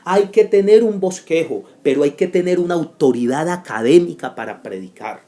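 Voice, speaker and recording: Emphatic preaching man, mellow voice. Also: fairly high pitch, lively intonation, moderate pace. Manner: emphatic, repetitive cadence with rising outbursts. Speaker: preacher teaching a preaching school. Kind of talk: sermon-style teaching.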